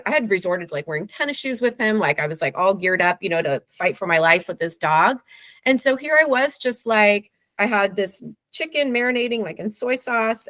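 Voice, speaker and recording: A woman's voice: medium pitch, fairly bright tone, no echo. A woman guest telling a long story in a rambling way, full of "like" and "you know", speaking from home over a video call. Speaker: dog owner, guest. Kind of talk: casual storytelling in an interview.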